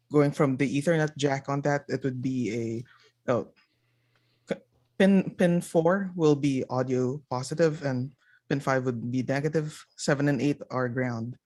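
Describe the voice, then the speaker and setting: A man's voice: mid-range voice, darkish tone, dry recording. A man on a panel explaining technical details in a conversational way.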